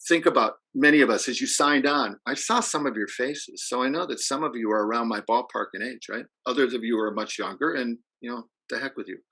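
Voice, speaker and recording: A man's voice: medium pitch, brisk, few pauses, bright, forceful tone, husky, rough recording. A middle-aged man giving a training over a video call, telling stories in a conversational way and asking the audience questions. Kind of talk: presentation.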